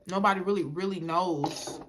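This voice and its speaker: A young woman, a mukbang vlogger, chats casually with her viewers in a storytime style, rambling a bit, using plenty of fillers like "like" and "you know," and repeatedly calling them y'all. Her voice is fairly low and steady at a moderate pace, with some background noise.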